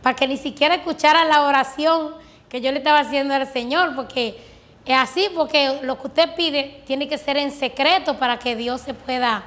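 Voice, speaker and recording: A woman's voice: sits high, steady tone, moderate pace, fairly bright tone. A woman earnestly telling her religious testimony as a guest, recounting prayers and answers with fervent conviction. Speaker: guest giving a faith testimony.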